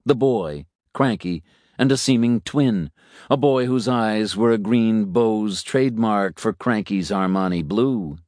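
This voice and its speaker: A man reading a story aloud in a measured, unhurried way. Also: on the low side, a little mellow, dry recording, studio quality. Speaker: narrator. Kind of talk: storybook narration.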